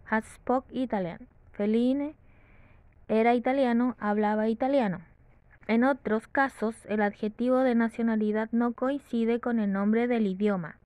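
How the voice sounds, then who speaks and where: Slow, careful woman, voice a touch high, reading and translating an English lesson. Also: a little mellow, dry recording, rough recording. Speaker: English teacher.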